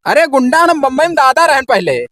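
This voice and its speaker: A man's voice: extremely high pitch, very animated, a little fast, sharp tone, full character voice. A man with an Awadhi accent playing a village drunk who boasts and blusters as a hired killer in an amateur comedy sketch. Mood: blustering.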